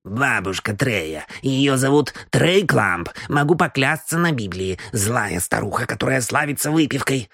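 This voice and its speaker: A whining old landlady who loves her gin, rambling on in a soft, set-back voice, as a male narrator puts her on. She drops her level low and lets the pitch rise and fall in a lively way. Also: a little slow, few pauses, slightly rough, dry recording, studio quality, heavily acted. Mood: plaintive. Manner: plaintive, whining. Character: old gossipy gin-drinking landlady woman.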